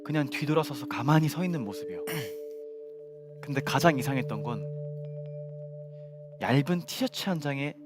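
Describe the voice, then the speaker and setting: A young man telling a ghost story to friends in polite, measured formal narration, as co-host of a show. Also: a little high, expressive. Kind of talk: spoken storytelling among friends. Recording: music behind the voice.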